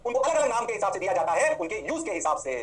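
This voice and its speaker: Brief: high, very fast male tutor who asks and answers his own questions. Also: big pitch swings. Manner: drawn-out exclamations. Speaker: physics teacher. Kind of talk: fast classroom lecture.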